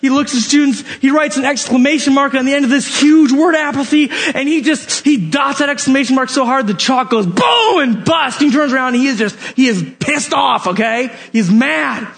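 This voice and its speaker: A young man preaching a sermon, asking his listeners direct questions and telling animated stories with jokes. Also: very high-pitched, moderate pace, vocal fry, few pauses. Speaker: youth pastor.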